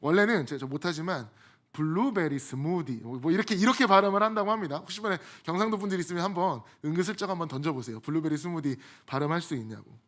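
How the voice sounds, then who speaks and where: A man with a high voice preaches a sermon. He keeps it conversational and drops in funny stories from his own life between the points he is explaining. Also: animated, rapid-fire, hardly any pauses, fairly bright tone. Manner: conversational, with humorous personal asides. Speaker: pastor.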